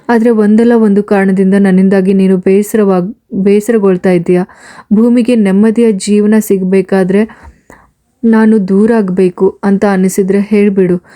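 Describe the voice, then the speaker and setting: A woman's voice: medium pitch, mellow, lightly acted. A woman voicing a young husband with a temper who pleads earnestly with his wife, in an audiobook serial. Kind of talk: audiobook character reading.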